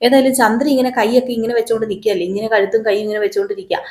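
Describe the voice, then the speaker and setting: A woman casually retelling the events of a TV serial in an animated, chatty manner. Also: fairly high pitch, rapid-fire. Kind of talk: casual storytelling narration.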